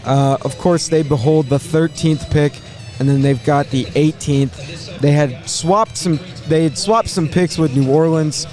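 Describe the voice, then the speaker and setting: A man hosting a casual live sports draft show, thinking aloud in a halting way and repeating words as he goes. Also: a little high, darkish tone, faint music behind.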